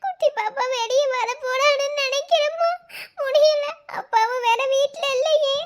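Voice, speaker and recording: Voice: extremely high pitch, normal speed. A performer voicing a pregnant young mother in a cartoon story, groaning and tearful from labor pain. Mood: strained.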